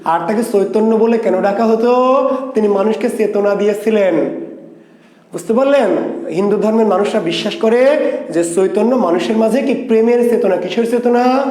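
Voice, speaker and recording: A man leads an online exam prep class, his voice high yet warm and soft at the edges. He stretches out key terms, repeats them, and poses questions that he answers himself. The sound carries the echo of the room around him. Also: normal speed.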